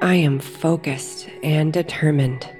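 A woman guiding a meditation and affirmations in a soothing, hushed sleep story narrator manner, with new-age music behind her. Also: low voice, fairly even intonation, slow pace. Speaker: meditation guide. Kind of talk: slow guided meditation and affirmations. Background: new-age music with singing bowls.

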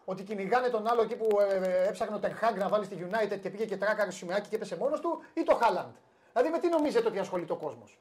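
A man's voice: sits high, lively intonation, darkish tone. A man hosting a casual sports talk show, teasing and playful in banter.

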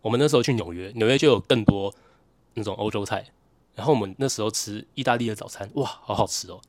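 Fast-talking young Taiwanese man, lowish voice. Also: darkish tone, dry recording. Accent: Taiwanese Mandarin. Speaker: podcast co-host. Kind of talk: casual chat.

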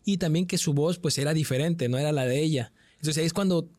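A man with a Mexican accent and a fairly high voice recounts a frightening night in a loose, slangy storyteller's way, full of swearing. The sound is close and dry, with no room around it. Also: fast talker, no echo. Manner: frequent slang and swearing, animated retelling. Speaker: guest telling a paranormal experience. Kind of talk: casual storytelling chat.

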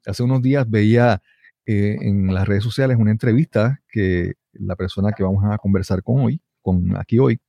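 A man hosting an interview, introducing his guest in an unhurried, reflective way. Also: lowish voice, creaky, warm tone, no echo, highs cut off. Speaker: host.

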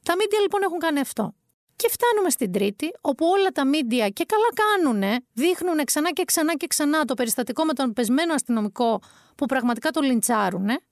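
Sarcastic woman commentator, high dry voice. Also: big pitch swings, no echo. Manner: sarcastic, emphatic repetition. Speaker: political commentator. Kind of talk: commentary vlog.

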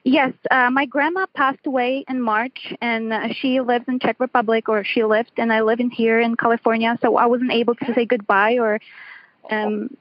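High-voiced woman calling in over the phone. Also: steady tone, moderate pace, no echo. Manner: hesitant, with fillers and restarts. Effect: caller heard over a phone line. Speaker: caller to a call-in podcast.

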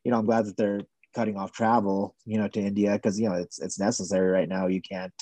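A man speaking as a podcast guest, talking in a soft-spoken, measured and hedging way. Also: fairly low pitch, little pitch movement, no room sound. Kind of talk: casual conversational interview.

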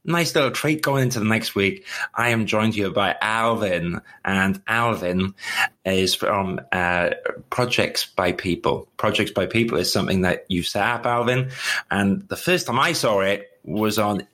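A man's voice: on the low side, unhurried, sharp tone. A man hosting a podcast in a casual interview style, chatty, rambling and self-deprecating. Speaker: podcast host.

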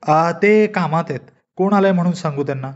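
A man's voice: on the high side, a little fast, voice pushed up, lightly acted. A man doing a chatty young maid. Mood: polite. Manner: polite, eager and chatty. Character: polite, chatty household maid, young woman. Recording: dull lo-fi recording.

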